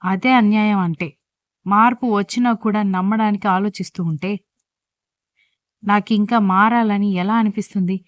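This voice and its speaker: A woman's voice: mid-range voice, fairly even intonation, moderate pace, long pauses, dry recording, natural voice. Woman reading as an indignant older wife. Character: proud defensive older wife and mother-in-law. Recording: dull dry lo-fi recording.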